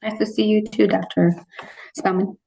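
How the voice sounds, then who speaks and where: Flat, gravelly woman, brisk. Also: medium pitch. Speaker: high school social worker. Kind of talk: casual self-introduction in a group meeting.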